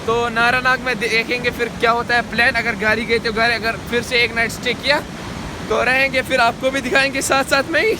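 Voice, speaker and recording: A man's voice: extremely high pitch, level tone, a little fast, background noise. A young man chatting casually as he narrates a travel vlog while walking outdoors in the mountains, recorded on a handheld phone. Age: young adult. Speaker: vlogger.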